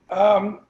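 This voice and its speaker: A man's voice: a little mellow, reverberant, muffled recording. An older man reminiscing casually about his student days, wry and joking with his listeners. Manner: wry, joking, addresses the group directly. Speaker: alumnus guest.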